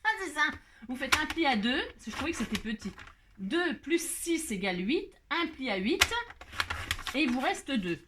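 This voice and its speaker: Craft host, woman, high lively voice, scatterbrained and self-mocking, noisy home recording. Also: moderate pace. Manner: chatty, scatterbrained, laughs at herself; sings playfully while working. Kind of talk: casual craft tutorial.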